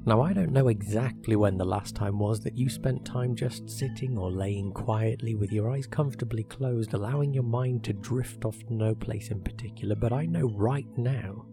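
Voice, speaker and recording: Over meditation music, a relaxation therapist guides a hypnosis session, his low voice touched with vocal fry. He keeps things calm and measured, using brief phrases and pauses.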